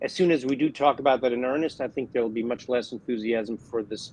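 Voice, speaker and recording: A man arguing his point briskly on an opinion panel, often restarting his phrases. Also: medium pitch, darkish tone, slight background noise, poor audio. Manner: brisk, argumentative, trailing restarts. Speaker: opinion columnist. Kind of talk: panel discussion.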